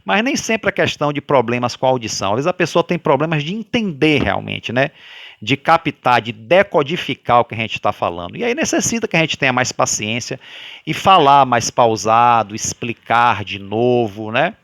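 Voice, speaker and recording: A man with a Brazilian Portuguese accent leading a guided religious study, talking loudly by habit and often checking in with his listeners. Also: medium pitch, moderate pace, creaky, dry recording. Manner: animated, sways between loud and soft. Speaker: study group leader.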